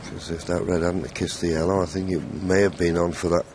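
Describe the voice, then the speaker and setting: A man giving hushed live snooker commentary in measured phrases, pausing between thoughts. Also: low voice, little pitch movement. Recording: crowd and loud arena noise behind. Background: snooker arena crowd ambience.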